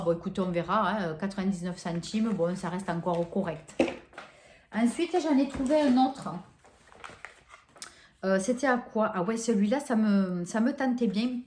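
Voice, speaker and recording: A woman's voice: mid-range voice, expressive, moderate pace, darkish tone, a little hiss or hum. Chatty woman in an echoey room. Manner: chatty, hesitant, many fillers and restarts; gushes over scents. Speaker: vlogger showing a shopping haul. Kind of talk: casual haul vlog chat.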